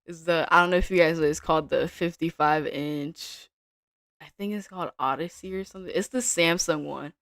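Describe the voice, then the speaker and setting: A woman day trader giving casual live-stream commentary from her home desk, thinking aloud in a relaxed way with small restarts. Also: low-pitched, brisk, no room sound, studio quality.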